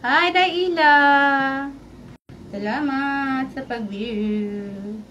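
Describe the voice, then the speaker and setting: Woman, high voice, noisy stream. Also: drawn-out words, a bit bright. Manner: laughs often, mutters to herself, sings along. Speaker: vlogger livestreaming. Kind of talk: casual livestream chat and karaoke singing.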